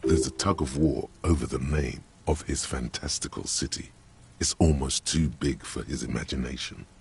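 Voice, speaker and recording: A man voicing a grave, all-knowing game narrator who describes scenes slowly and solemnly. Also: very deep voice, creaky, a little mellow, husky, exaggerated voice.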